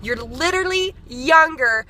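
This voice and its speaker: Bright-voiced upbeat woman in her thirties. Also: high-pitched, animated, a little slow. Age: 30s. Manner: chatty, upbeat, many fillers and restarts. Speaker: fitness and nutrition coach. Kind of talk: casual motivational vlog.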